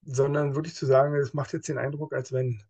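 A police officer as an interview guest in casual talk, explaining with everyday examples and acting out what people say in other voices. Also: male voice, mid-range voice, fairly quick, dull audio. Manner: lively, acts out quoted speech in other voices.

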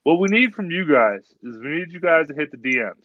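A man's voice: fairly high pitch, very animated, fast, no room sound. A man co-hosting a casual podcast, talking emphatically and repeating himself to drive his points home. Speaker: podcast co-host. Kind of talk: casual chat. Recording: dull, dry lo-fi sound.

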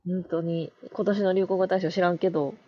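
A woman's voice: on the low side, steady tone, brisk, dull audio. A woman with a Kansai Japanese accent, co-hosting a podcast in casual, chatty talk, laughing often. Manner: chatty, laughs often, quotes others in a raised voice. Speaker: podcast co-host. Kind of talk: casual chat.

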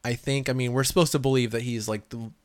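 A man casually talking through a movie review with a co-host, rambling and animated, with lots of filler words. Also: mid-range voice, quick pace. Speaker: podcast co-host.

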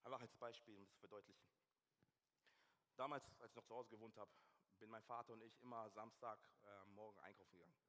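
Bright-voiced preacher in a church hall. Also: male voice, lowish voice, quick pace. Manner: swings from hushed intensity to loud animated storytelling. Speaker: pastor. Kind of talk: sermon. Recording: long church hall reverb.

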